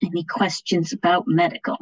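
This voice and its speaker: The training presenter, a woman speaking to education officials in an online video-call webinar, has a fairly low, flat, breathy voice and talks fairly quickly. She explains her slides plainly and checks in with listeners often. The audio is poor, with no room sound.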